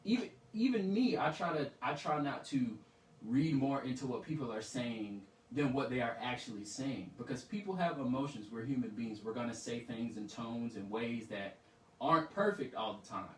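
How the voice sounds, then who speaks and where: A man's voice: mid-range voice, moderate pace. Man, podcast co-host, emphatic and argumentative, off-mic in an echoey room. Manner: emphatic, argumentative, animated quoting of others. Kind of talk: heated casual discussion. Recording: echoey room, far from mic, faint noise.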